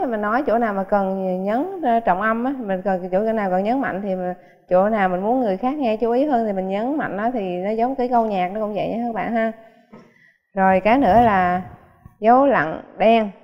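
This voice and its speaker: A woman giving a relaxed piano lesson, chatting freely and counting beats aloud as she explains. Her voice sits at a middle pitch. The sound is dull and muffled, and it rings with a long hall echo. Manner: chatty, explains with counting aloud and everyday comparisons, many fillers. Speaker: piano teacher. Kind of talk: casual spoken music lesson.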